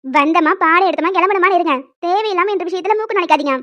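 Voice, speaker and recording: A woman voicing a defensive young female college student in an animated story. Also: extremely high pitch, fast talker, muffled recording. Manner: pleading, defensive.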